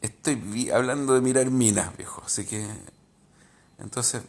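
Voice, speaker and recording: Gravelly rabbi. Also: male voice, mid-range voice, normal speed. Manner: candid and reflective, with many hesitations and restarts. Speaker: rabbi teaching spirituality. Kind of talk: informal spiritual talk.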